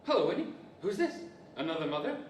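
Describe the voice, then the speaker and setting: A man's voice: on the high side, sing-song, quick pace. A man playing Peter Pan, a cocky, commanding boy adventurer, with brash, bossy delivery in 1940s radio-theater style. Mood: urgent, brash. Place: large library hall, live stage performance. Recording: echoey hall, distant mic, faint noise.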